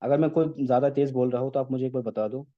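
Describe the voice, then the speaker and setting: Guy explaining stuff fast on a meeting call, keeps saying okay? right?, muffled lo-fi sound. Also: medium pitch, steady tone. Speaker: crypto trader presenting to an online meeting. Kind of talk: casual screen-share tutorial. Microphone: online meeting call audio.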